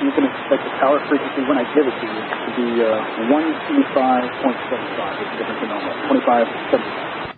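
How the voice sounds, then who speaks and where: A male air traffic controller giving brisk, methodical instructions over a radio transmission broken by static bursts, with frequent fillers. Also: medium pitch, steady tone. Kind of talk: clipped radio phraseology. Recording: tinny radio with loud static.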